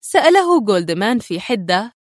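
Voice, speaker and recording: A woman narrating a thriller audiobook in a dramatic, expressive reading style. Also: medium pitch, brisk, no room sound, studio quality.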